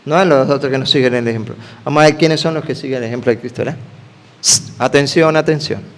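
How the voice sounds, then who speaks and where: A man preaching an animated sermon, firing quick questions at his listeners. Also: mid-range voice. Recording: long hall reverb.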